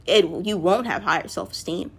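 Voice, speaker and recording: A woman's voice: fairly low pitch, lively intonation, fairly quick, slightly rough. A woman talking casually to her listeners in a loose, rambling monologue, often correcting herself mid-sentence and calling out to the audience.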